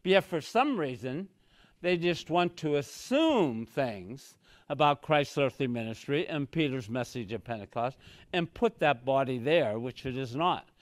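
An older man teaches an expository Bible lesson in a small church room, his medium-pitched voice lively in intonation and measured in pace, with no echo. Emphatic and gesturing with both hands, he repeats key phrases like "so very clearly" and frequently steps away from the podium mic he's using.

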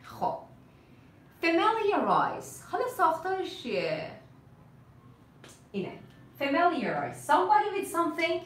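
Young Persian-native woman, live English teacher, animated higher voice, roomy slightly distant sound with faint ambience. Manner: switches between Persian and English, slows to drill words. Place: room, live stream.

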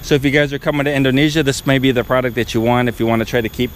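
Here the same kind of casual vlog: a man in his forties chats to viewers while hiking along a jungle river, handheld action camera in hand. His mid-range voice stays level and comes out rapid-fire, over a little hiss or hum.

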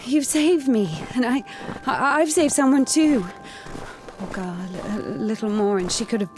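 A young actress voicing a nervous, earnest nun in a video game, stammering and hesitant. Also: female voice, a little high, expressive, normal speed, background noise, lightly acted. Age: young adult. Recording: game audio with music.

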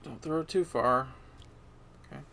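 Gravelly, sarcastic man grumbling at a game. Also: medium pitch, normal speed, bright, forceful tone. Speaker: streamer. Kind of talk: casual gameplay commentary.

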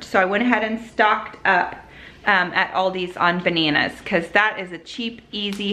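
A middle-pitched woman in her forties talks through a grocery haul in a relaxed, chatty way, pausing on fillers as she lists items and prices. She speaks into a handheld camera held at arm's length in a home kitchen. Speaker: family vlogger.

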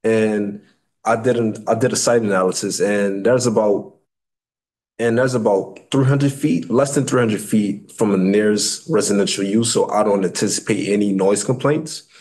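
Male, 30s, American, lowish voice. City planner giving a formal, slightly halting slide presentation. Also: a little mellow. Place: indoor meeting room at a table.

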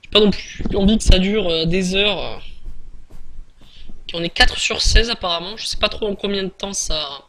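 Bright high-voiced man commenting gameplay. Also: normal speed, a little hiss or hum. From France. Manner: chatty, hesitant, many fillers and restarts. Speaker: gaming YouTuber.

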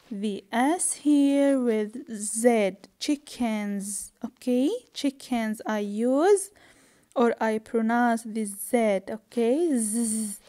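A woman English teacher giving a recorded pronunciation lesson, repeating each word slowly and checking in with "okay?" after nearly every line. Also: on the high side, mellow. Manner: slow, repetitive drilling with frequent "okay?" checks.

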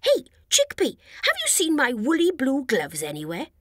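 A woman's voice: high voice, huge pitch swings, moderate pace, dry recording, studio quality. A woman doing Lennon, an eager cartoon boy. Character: curious, excitable young male cartoon friend.

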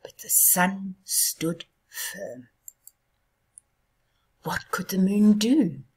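Soft, breathy woman reading a bedtime story. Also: medium pitch, extremely slow. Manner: soft, hushed, half-whispered. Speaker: storybook reader. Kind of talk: reading a children's story aloud.

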